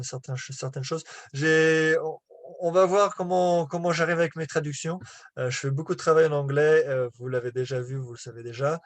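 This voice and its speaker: A man's voice: fairly high pitch, no room sound. A man giving a live online business lesson in French, hesitant with many fillers and restarts, apologizing for his rusty French. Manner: apologetic about his French, laughs at himself. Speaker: business coach presenting slides.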